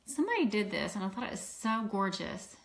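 A Louisiana woman in her fifties with a mild Southern accent hosts a makeup-selling livestream from her table at home, her medium-pitched voice quick and sing-song. She greets viewers and laughs easily in casual chat, the phone camera close up.

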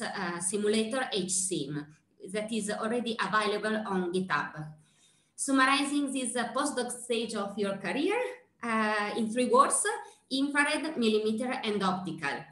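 A woman with an Italian accent introduces a speaker at a seminar, pausing on fillers and restarting her sentences. Her voice sits fairly high. The sound carries a roomy echo. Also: sharp tone, slight background noise. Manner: hesitant, many fillers and restarts.

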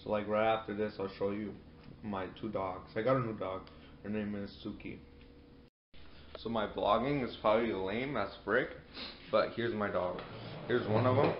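A man's voice: on the low side, fairly even intonation, moderate pace, a little hiss or hum. A teenage boy vlogging from his bedroom at home, rambling casually while he eats and talks with his mouth full, recorded on a handheld camera or phone. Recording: roomy, dull lo-fi sound.

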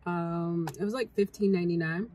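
A woman's voice: lowish voice, fairly even intonation, normal speed, mellow, a little hiss or hum, low-quality recording. A young woman vlogger chatting casually while taste-testing snacks, talking with her mouth full at times. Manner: chatty, talks while eating. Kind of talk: casual food taste-test chat. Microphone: camera mic.

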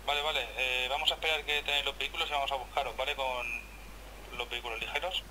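Spaniard player, walkie-talkie radio voice, clipped calls, noisy voice chat. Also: male voice, mid-range voice, steady tone, fast talker. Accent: Spain Spanish. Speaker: squad player calling the sergeant. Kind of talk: military roleplay radio chatter in a game.

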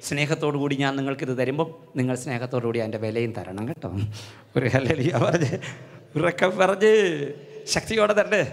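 Rousing older preacher in an echoing hall. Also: male voice, medium pitch, animated, brisk, pauses often. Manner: rousing, repeatedly calls for loud hallelujahs; storytelling, folksy and conversational. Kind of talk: charismatic sermon with call-and-response. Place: large hall at a gathering. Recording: long hall reverb.

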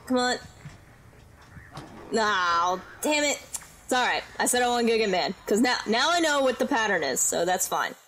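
A woman giving casual let's-play commentary while she plays, muttering to herself with quick frustrated outbursts. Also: a little high, expressive, fairly bright tone, a little hiss or hum, rough recording. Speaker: gaming YouTuber. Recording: game music behind her voice. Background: game music.

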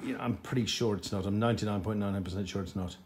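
This man has a lowish, darkish voice and talks in a rapid-fire way. He's vlogging a motorcycle repair in his garage, speaking to the camera while he works and muttering frustrated thoughts aloud.

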